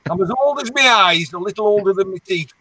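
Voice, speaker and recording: Jokey sixty-year-old man, high voice. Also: animated, quick pace, pushed and bright, low-quality recording. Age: 60s. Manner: jokey, stumbles and repeats words. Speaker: regular in a chat among friends. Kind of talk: casual banter.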